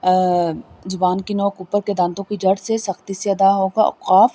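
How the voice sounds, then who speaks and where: A woman teaching a Tajweed lesson, spelling out letters slowly and patiently explaining how each one is pronounced, with faint background noise. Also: mid-range voice, level tone, mellow, breathy edge. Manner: slow, patient, repeats each point. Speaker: Quran reading teacher.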